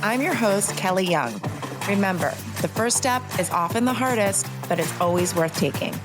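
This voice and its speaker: A woman's voice: mid-range voice, animated, normal speed, over music. A woman hosting a podcast, chatty and upbeat, rambling a little with restarts as she talks. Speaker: podcast host. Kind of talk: casual podcast chat. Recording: roomy echo.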